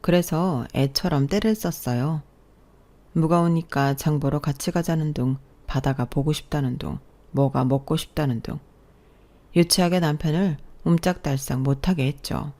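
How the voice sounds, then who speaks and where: A woman's voice: low-pitched, normal speed, dark tone. Woman narrating a confiding radio story. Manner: confiding, plaintive. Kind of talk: scripted first-person story narration.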